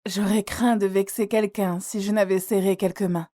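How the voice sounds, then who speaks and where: A woman's voice: mid-range voice, fairly even intonation, normal speed, warm tone, close to an everyday voice. A woman voicing a cultured, playful young American singer in an audiobook, speaking politely. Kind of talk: audiobook character reading.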